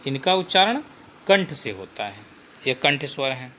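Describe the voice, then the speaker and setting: A man giving a Hindi grammar lesson, slow and repetitive, posing questions to the class and answering them himself. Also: mid-range voice, sing-song, sharp tone, a little hiss or hum.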